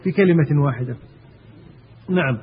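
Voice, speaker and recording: A man's voice: a little high, slightly rough. A man teaching a class on Islamic jurisprudence, often asking his students questions as he explains. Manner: asks the class questions, often pausing on "eesh?". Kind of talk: classroom lesson on a text. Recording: tinny phone-like recording, long hall reverb.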